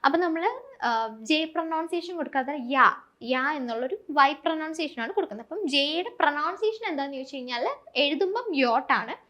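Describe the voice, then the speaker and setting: A woman's voice: high voice, fairly bright tone. A woman German tutor, explaining a beginner lesson step by step and repeating each point.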